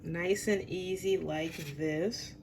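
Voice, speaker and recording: A woman's voice: on the low side, steady tone, slow, darkish tone, slight background noise. A woman hosting a casual cooking demonstration, chatty and self-deprecating, with a voice that sounds a little under the weather. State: under the weather, voice affected by illness. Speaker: host of a home cooking show. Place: home kitchen.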